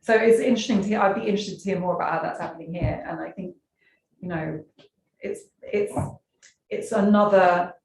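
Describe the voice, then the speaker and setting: A woman's voice: on the low side, fairly quick, darkish tone. A woman speaking as a guest in a discussion, fluent and emphatic. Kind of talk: conversational discussion. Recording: echoey distant mic with faint noise.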